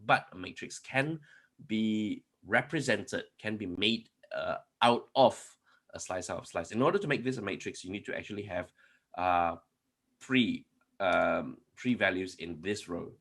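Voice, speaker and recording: At a measured pace, a conference speaker with a lowish, slightly rough voice and fairly bright tone codes live during a programming talk. His step-by-step explanations include many restarts and rhetorical questions, and he is not a native Polish speaker.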